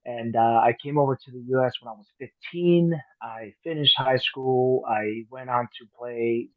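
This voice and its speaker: A man in his thirties from Colombia, a podcast guest talking earnestly, often trailing off softly. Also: medium pitch, moderate pace, no echo. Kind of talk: casual interview chat. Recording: dry, phone-like call audio.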